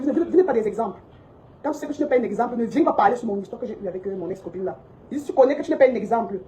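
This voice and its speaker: A woman's voice: on the high side, warm tone, rough recording. A woman who owns a shop, giving a heated, scolding monologue to her followers and repeating her points indignantly. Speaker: shop owner vlogging.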